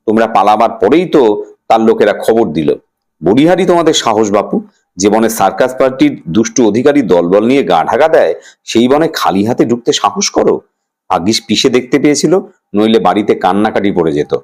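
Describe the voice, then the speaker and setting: A man voicing a fussy older housemaid who scolds loudly. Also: lowish voice, big pitch swings, a little fast. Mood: scolding. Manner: shouting, scolding.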